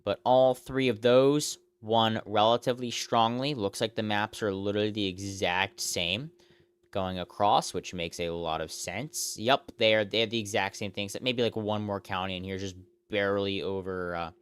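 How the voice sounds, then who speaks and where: An American man hosting live, off-the-cuff election results commentary, reeling off figures and place names in a halting, repetitive way. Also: fairly low pitch, steady tone, clear, resonant tone. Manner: halting, often repeats himself, reels off figures and place names. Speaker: election night live stream host.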